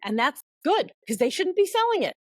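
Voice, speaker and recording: A woman guest on a podcast telling a long personal story in casual conversation, acting out quoted voices with big jumps in pitch. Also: sing-song, brisk, no echo.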